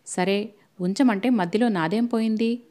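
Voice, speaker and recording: A woman voicing a gruff, domineering older man who threatens and gives orders. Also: mid-range voice, normal speed, mellow, natural voice. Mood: blustering. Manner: blustering, threatening.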